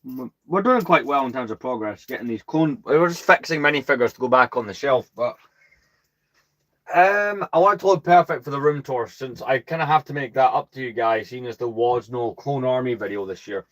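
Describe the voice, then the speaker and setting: Calm, soothing British man chatting. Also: mid-range voice, normal speed. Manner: rambling, chatty, self-deprecating. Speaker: host. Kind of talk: casual livestream chat.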